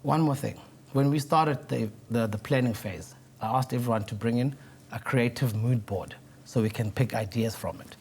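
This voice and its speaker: A man's voice: medium pitch, moderate pace, darkish tone, slight background noise. A man, a talent show contestant, explaining himself to the judges.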